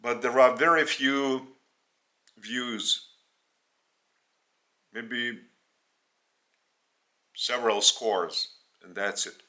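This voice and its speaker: This religious teaching comes from a native Lithuanian speaker talking in English with a Lithuanian accent. His pace is very slow, with sentences broken into brief, halting pieces, and his medium-pitched voice sounds very bright and forceful, with fairly even intonation.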